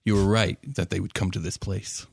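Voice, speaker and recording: Sly hobgoblin gang boss played by a male game master, low-pitched, smug and measured, quietly menacing tabletop villain. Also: level tone, creaky, husky, full character voice. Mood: smug, gloating.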